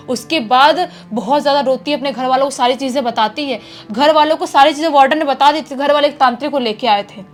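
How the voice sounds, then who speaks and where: A woman telling a true horror story in a chatty, casual way, often repeating words for effect. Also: high-pitched.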